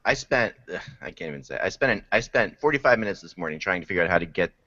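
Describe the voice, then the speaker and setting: Deep, fast-talking man with a swollen-throat sound. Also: animated, sharp tone. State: congested with a swollen throat, choking up over words. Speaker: show host. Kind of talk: casual sports talk show. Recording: dull lo-fi audio.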